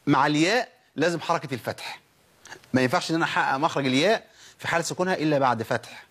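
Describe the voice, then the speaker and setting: A man's voice: fairly high pitch, fairly bright tone. A man with an Egyptian Arabic accent teaching a tajweed lesson, stretching and repeating sounds and answering his own questions. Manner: drills sounds slowly, asks and answers himself. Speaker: Quran recitation teacher.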